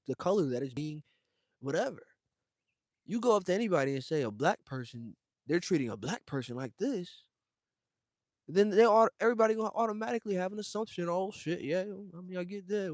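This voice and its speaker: A man's voice: a little high, dry recording, clean studio sound. A young man from the United States speaking straight to his viewers in a casual livestream rant, slangy and emphatic, calling everyone fam and bro. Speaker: streamer talking to viewers.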